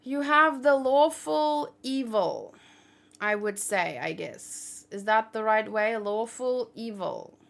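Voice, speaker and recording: A woman on the high side in pitch talks slowly, her voice creaky yet a bit bright. She hosts a manga read-along channel, rambling informally and often questioning her own thoughts out loud.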